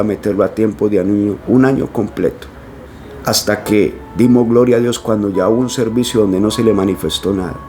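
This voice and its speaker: A man's voice: fairly low pitch, mellow. A man preaching to camera, speaking earnestly and warning parents directly.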